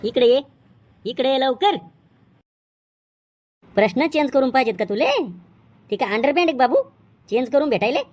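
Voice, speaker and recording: Woman doing cartoon village schoolmaster, male, bossy, short-tempered, high voice, scolding and mocking. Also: lively intonation, moderate pace, pauses often, a little mellow, slight background noise. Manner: scolding, mocking, rustic insults. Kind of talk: comic cartoon dubbing.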